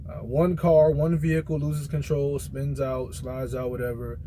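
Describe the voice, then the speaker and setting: An American trucker rambles through an informal vlog, sharing stories from experience and offering his opinion on a product. His mid-range voice comes across flat and measured, with background noise behind it.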